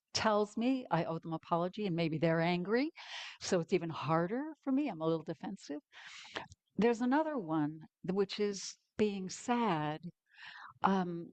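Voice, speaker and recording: An older woman, a guest minister, giving a candid, personal sermon in a slow, pausing way. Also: lowish voice, darkish tone, dry recording. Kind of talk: conversational sermon.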